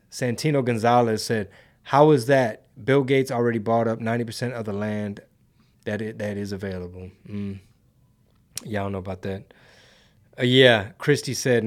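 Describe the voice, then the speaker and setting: Slangy Texan man chatting on a livestream. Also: medium pitch. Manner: slangy, conversational, rhetorical questions to viewers. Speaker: host of a live commentary show and podcast. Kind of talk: casual livestream commentary with slangy chat.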